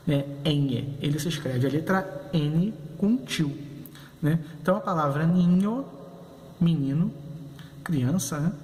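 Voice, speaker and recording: A Brazilian man teaching a recorded class, explaining slowly and often checking in with "né?". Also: on the high side, a little mellow, roomy sound, in a large hall. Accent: Brazilian Portuguese. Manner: didactic, frequent "né?" checks, spells out sounds slowly. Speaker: Spanish teacher. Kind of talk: recorded online class lecture.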